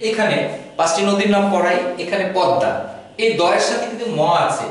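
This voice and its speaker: A man gives a grammar lesson in a high-pitched voice, patiently spelling things out and saying example words over and over so they are pronounced right. He sounds far from the microphone in a very echoey room. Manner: patient, repeats example words slowly to model pronunciation. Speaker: Bengali language teacher.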